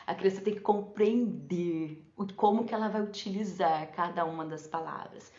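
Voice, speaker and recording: A woman's voice: fairly low pitch, normal speed, a little mellow. Chatty woman teacher in an echoey room. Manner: chatty, often adds "né?" and laughs. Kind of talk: live talk on teaching for parents and teachers. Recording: echoey room, slightly dull lo-fi sound.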